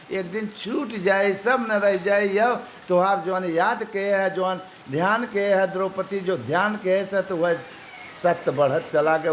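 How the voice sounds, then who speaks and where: A man with an eastern Uttar Pradesh Hindi accent giving a folksy devotional sermon as a spiritual teacher, full of proverbs and homely examples. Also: sits high. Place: ashram gathering. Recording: echoey room with faint hiss.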